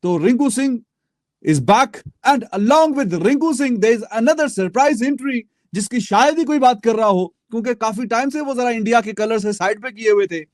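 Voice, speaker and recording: A male host from Pakistan with a high, bright voice walks through cricket squad news. He sounds steady and explanatory, and the recording is dry and close. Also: measured pace, no room sound. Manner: steady explanatory, mixing in English phrases. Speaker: show host.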